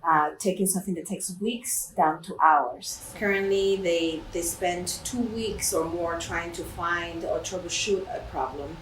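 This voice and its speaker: A woman's voice: on the low side, unhurried, hardly any pauses. A woman from Puerto Rico, a company CEO, explaining her business in an earnest, businesslike way in an interview. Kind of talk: recorded interview. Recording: echoey room, distant mic, background noise.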